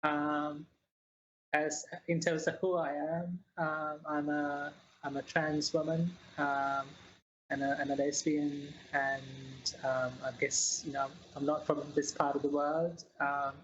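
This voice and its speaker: A woman from Sri Lanka answers interview questions in a flat, even voice. She talks in a measured, halting way, full of fillers and restarts. Her call audio sounds dull and lo-fi, with a faint hiss underneath. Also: deep voice. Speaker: guest scientist.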